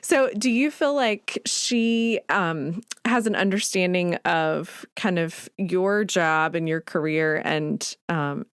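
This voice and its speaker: A woman in her thirties hosting a podcast interview, warm and encouraging, thinking aloud as she asks questions. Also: fairly low pitch, slow pace, few pauses, clean tone, no room sound, studio quality. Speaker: podcast host. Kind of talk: casual interview chat.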